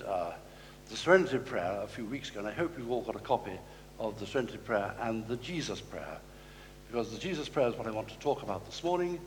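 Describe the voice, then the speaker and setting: Male preacher, mid-pitched, measured sermon delivery, long church reverb. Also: a little hiss or hum. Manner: measured, slows down to quote scripture.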